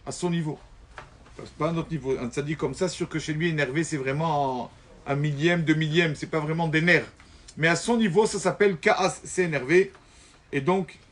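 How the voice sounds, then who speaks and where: Slightly high-voiced rabbi preaching. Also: male voice, slight background noise. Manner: mixes in Hebrew terms and repeats phrases for emphasis; swings between loud emphasis and soft, low asides. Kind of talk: sermon told as a story.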